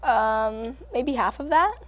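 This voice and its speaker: A woman's voice: on the high side, animated, takes it slowly. A teenage girl from Canada, a country singer, chatting upbeat in an interview with plenty of ums and likes. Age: teens. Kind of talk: casual interview.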